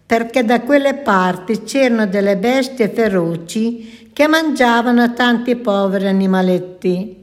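A woman, a nun, telling a children's story in a slow, gentle, deliberate way. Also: medium pitch.

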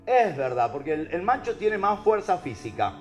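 A man with a Rioplatense accent preaches to listeners, peppering his talk with rhetorical questions. His voice sits a little high and leaps up and down with emphasis. Soft music plays faintly underneath. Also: moderate pace, muffled recording. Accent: Rioplatense Spanish. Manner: animated, rhetorical questions to the audience.

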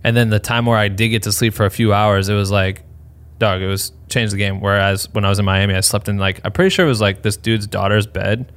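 A man's voice: fairly low pitch, steady tone, fast talker. A young man hosting a podcast, chatting casually and rambling in slang, laughing often. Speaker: podcast host. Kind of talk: casual podcast chat with ad read.

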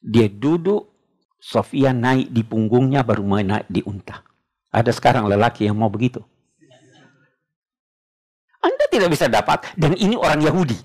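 A man's voice: mid-range voice, sing-song, normal speed, pauses often, a little mellow. A man preaching an Islamic lecture, retelling stories with rhetorical questions to his listeners. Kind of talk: religious lecture with storytelling.

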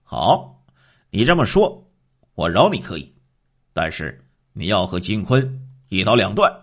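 A man voicing a cruel, jealous husband who scolds his wife gruffly. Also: fairly low pitch, sing-song, a little slow, full character voice. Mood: menacing.

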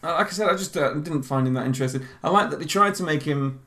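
A man's voice: on the high side, quick pace, pushed and bright. A man chatting casually about a film on a podcast, joking and swearing freely. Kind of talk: casual film review chat.

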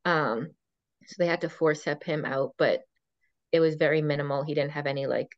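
A woman's voice: sits low, steady tone, normal speed, dry recording. A woman in her thirties, a podcast guest, chatting casually and telling a long story full of fillers and quoted dialogue. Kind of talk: casual chat. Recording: dull dry lo-fi sound.

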